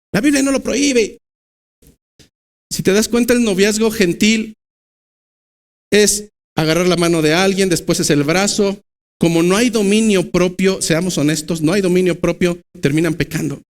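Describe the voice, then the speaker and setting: A man with a Mexican Spanish accent preaching a sermon as pastor of a church, swinging between loud emphatic bursts and low, slow stresses.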